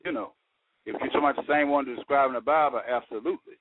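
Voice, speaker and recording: A man's voice: mid-range voice, fairly even intonation, rapid-fire. Earnest, folksy male caller heard over a thin phone line with static. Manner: folksy, earnest, preacherly, uses homespun sayings. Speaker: radio call-in caller. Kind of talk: casual call-in talk.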